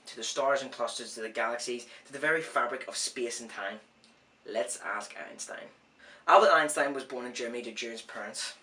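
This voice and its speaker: A fairly quick, sharp-toned man of medium pitch hosts an educational science series, swapping w for r since he can't say R clearly. He mixes scripted and ad-libbed material with self-mocking, rambling asides. The recording is rough and he's far from the mic.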